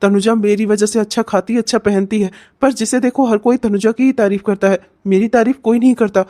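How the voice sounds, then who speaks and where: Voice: mid-range voice, steady tone, fairly quick, mellow, close to an everyday voice. कलाकार द्वारा चिढ़ा हुआ जलनखोर पति. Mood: irritated. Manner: irritated, sulky complaining. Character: grumbling jealous young husband. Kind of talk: cartoon voice acting.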